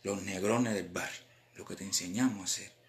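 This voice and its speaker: A man with a Cuban accent, a rapper chatting casually on a live stream in animated, slang-filled talk. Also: sits low, a little fast, creaky. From Cuba.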